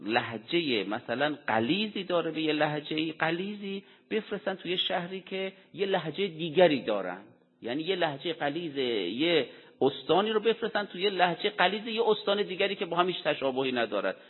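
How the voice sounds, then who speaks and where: A man giving a Quran commentary lecture, explaining deliberately and answering his own rhetorical questions. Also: on the high side, expressive, husky. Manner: poses rhetorical questions and answers them himself; deliberate, explanatory delivery with Arabic quotations. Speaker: religious lecturer. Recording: tinny phone-like sound with long hall reverb.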